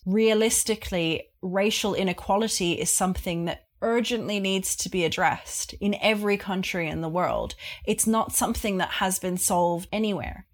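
A young woman from Australia, a guest, speaking articulately and earnestly about her experiences. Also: medium pitch.

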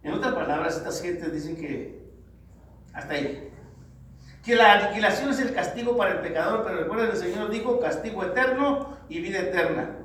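High-voiced man preaching in an echoey hall. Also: animated, a little fast. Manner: emphatic, swinging from loud exhortation to low grave tones; addresses the congregation as brothers. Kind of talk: sermon. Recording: very echoey hall, distant mic, faint noise.

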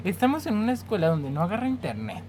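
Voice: mid-range voice, big pitch swings, fast talker, darkish tone, a little hiss or hum. A young person with a Mexican accent, complaining expressively in casual chat with friends. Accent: Mexican Spanish. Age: young adult.

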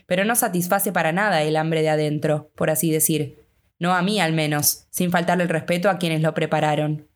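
A woman's voice: fairly low pitch, lightly acted. A woman voicing a loyal, anxious male hobbit servant who talks in a plain, worried way.

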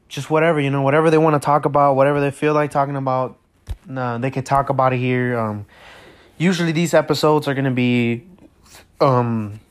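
A teenage boy from Mexico hosting his first solo podcast episode, talking casually and nervously with lots of fillers and restarts, without a proper mic. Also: medium pitch. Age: teens. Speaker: podcast host.

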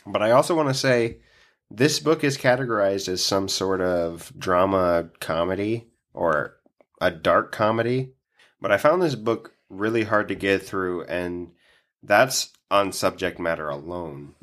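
A man's voice: low voice, unhurried, a bit bright. A man hosting a podcast in casual chat, stuffy from allergies, who swears often and laughs a lot. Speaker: podcast host.

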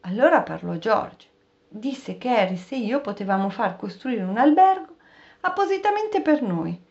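Woman reading a story aloud. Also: medium pitch. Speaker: audiobook reader. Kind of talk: scripted narration. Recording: dull, muffled recording.

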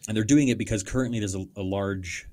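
A Canadian podcast co-host explains politics in casual chat, with a sarcastic edge. He talks fast in a warm voice that sits on the low side.

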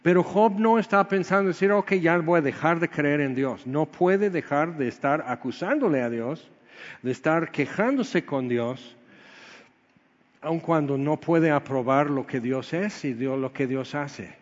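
Male preacher, higher voice, lively swings from loud to hushed, long hall echo, dull recording. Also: measured pace. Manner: animated, swings between loud exclamations and low quiet asides. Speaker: pastor. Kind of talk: sermon.

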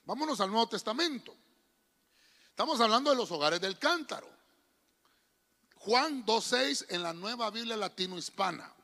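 Preaching in a church hall whose long reverb fills the recording, this pastor keeps calling out to his congregation and saying "hermano." His high, creaky voice sounds bright, forceful and animated, moving at a moderate pace with frequent pauses.

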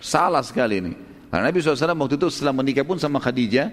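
A middle-aged male preacher speaks quickly in a conversational lecture style, full of energy as he tells the story. He acts out the quoted dialogue and often drops in little tag questions. The sound has a long hall reverb around it. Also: mid-range voice, animated. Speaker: Islamic preacher teaching a study group. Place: lecture room with a live audience.

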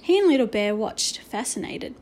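High-voiced woman reading a children's story. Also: sing-song, moderate pace, a little mellow. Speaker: audiobook narrator.

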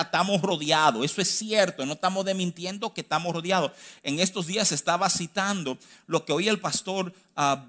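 A man with a Dominican accent preaching a sermon, stressing key phrases slowly and then rushing through quick asides. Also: sits high, bright, forceful tone. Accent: Dominican Spanish. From Dominican Republic. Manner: emphatic, swinging between slow stressed phrases and quick asides.

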